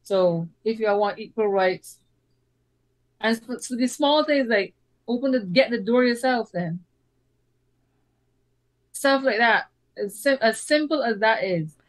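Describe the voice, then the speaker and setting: A woman co-hosting a live-stream talk, speaking in a relaxed, casual way and reading out viewer messages. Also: fairly high pitch, a little slow, long pauses, poor audio. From Barbados. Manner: relaxed, reads out viewer texts.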